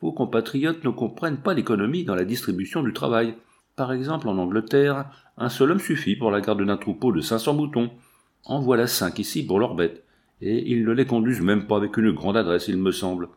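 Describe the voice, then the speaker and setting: A man's voice: on the low side, lively intonation, brisk, darkish tone. A man doing a haughty young Englishman. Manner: indignant, haughty. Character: proud young Englishman, indignant.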